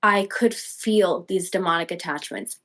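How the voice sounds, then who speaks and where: A young woman guest telling a personal story, acting out her own quotes with big leaps in pitch. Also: a little slow, a bit bright. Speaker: podcast guest.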